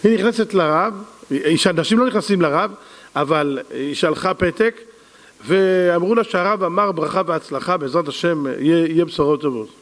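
A man giving a rabbi's lesson, telling stories in an animated way and turning to his audience as he goes. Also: a little high. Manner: animated storyteller, voices quoted people, addresses audience as "gentlemen". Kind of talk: storytelling sermon. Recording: reverberant hall.

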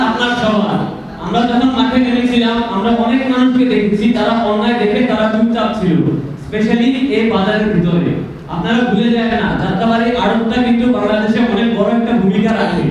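A young student speaker giving a fiery, exhorting speech into a handheld mic at an indoor meeting. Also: male voice, high-pitched. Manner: fiery, exhorting, rising to shouts. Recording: echoey hall, mic at a distance, crowd behind.

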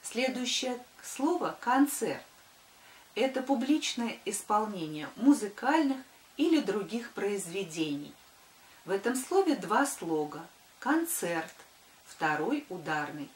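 Slow, echoey older woman teacher dictating. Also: mid-range voice, sing-song. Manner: dictating, deliberate, sounding out words syllable by syllable. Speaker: primary school teacher. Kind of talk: dictation lesson for schoolchildren. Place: small wood-panelled room indoors. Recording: echoey room.

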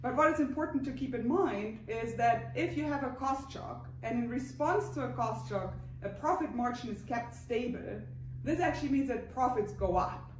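A woman from Germany with a German accent gives an explanatory panel talk, halting at times and checking in with listeners as she goes. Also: on the high side. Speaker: academic panel speaker. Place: mid-sized wood-panelled conference room, indoors. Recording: echoey room, distant mic, faint noise.

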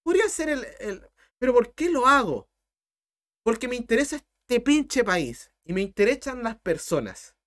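Young Chilean male tutor, high voice, blunt, fired-up livestream talk. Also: sing-song, fairly bright tone. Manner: blunt, impassioned, talks fast. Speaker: math tutor streamer.

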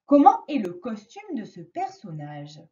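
A woman teaching a reading lesson to a young child, slowly and patiently stressing each sound. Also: on the high side, wildly swooping pitch, mellow, distant mic, dull audio. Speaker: primary school teacher.

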